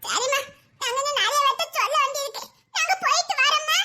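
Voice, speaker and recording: A pair of cheeky little children, voiced by a woman, tattling in squeaky, giggly chatter. The voice sits extremely high and sounds bright and sharp. It is a comic family skit. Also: fast, full character voice.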